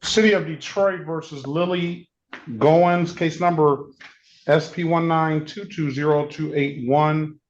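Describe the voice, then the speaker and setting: A man's voice: on the high side, steady tone, measured pace. A man presiding as judge in a courtroom recording, calling cases and giving procedural instructions in a matter-of-fact way, repeating key points. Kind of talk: court proceedings, reading case calls. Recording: dull lo-fi courtroom audio with faint hiss.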